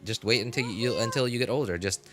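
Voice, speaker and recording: A live game streamer in his thirties chats casually with viewers at a quick pace, rambling with lots of fillers and restarts and chuckling often. His medium-pitched voice is a bit bright, with faint music behind him.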